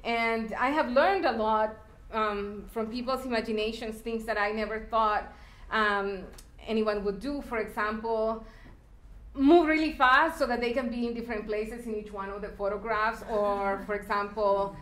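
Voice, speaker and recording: A woman's voice: a little high, steady tone, normal speed, fairly bright tone. A woman from El Salvador giving a public talk about her art installations, speaking reflectively with fillers and restarts. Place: lecture hall. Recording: echoey lecture hall.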